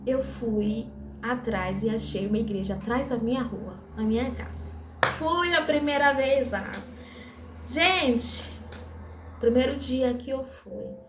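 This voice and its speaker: A woman giving a personal faith testimony, telling it in a lively way and acting out the dialogue. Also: fairly high pitch, noisy background. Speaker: dental assistant giving a testimony. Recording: echoey room.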